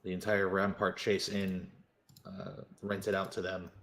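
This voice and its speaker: A grave informant, voiced by a man in a tabletop role-play, speaking in a low, level voice. He briefs the party steadily and stately, with little rise and fall, and pauses for weight. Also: completely flat delivery, creaky, fairly bright tone, full character voice. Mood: matter-of-fact. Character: grave male informant briefing adventurers on enemies.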